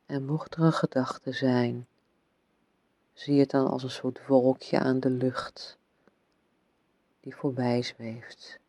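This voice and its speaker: Guy doing a guided relaxation, slow n gentle, dark mellow voice, lots of pauses. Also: medium pitch, little pitch movement, gravelly, no echo. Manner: soothing, unhurried phrasing with long pauses, gently instructing. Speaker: meditation guide.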